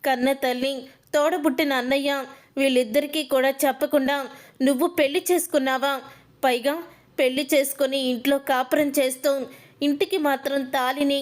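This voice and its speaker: A woman's voice: sits high, steady tone, fairly quick, close to an everyday voice. A woman reading as a furious, accusing mother. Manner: angry, accusing. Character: furious mother confronting her daughter.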